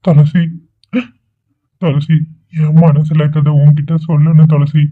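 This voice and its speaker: A man's voice: a little high, level tone, a little slow. A man voicing a desperate, lovesick young man in a dubbed cartoon, who pleads insistently. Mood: pleading. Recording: tinny phone-like recording.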